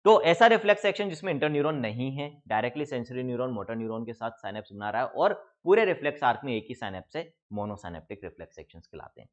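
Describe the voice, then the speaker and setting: Lively Indian man teaching biology. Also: medium pitch, fast talker, few pauses, muffled recording. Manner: explains step by step, often asks the class questions and answers them; mixes English terms into Hindi speech, calls students kids. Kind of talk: online exam-prep lecture.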